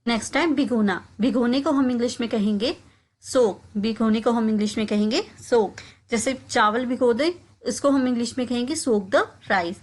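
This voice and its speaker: Higher-voiced woman teaching vocabulary. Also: low-quality recording. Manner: repeats each example phrase slowly; keeps calling the viewers friends. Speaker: language teacher. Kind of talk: vocabulary lesson.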